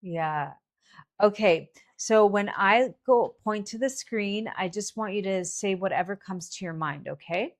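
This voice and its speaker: A woman's voice: medium pitch, measured pace. A woman hosting a live Q&A stream, chatting casually and giving health advice to callers.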